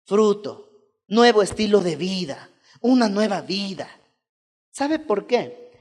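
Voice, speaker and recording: A woman's voice: medium pitch, expressive, takes it slowly, a little mellow. A woman preaching a sermon, emphatic, repeating key words and calling on the congregation. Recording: long reverb of a hall.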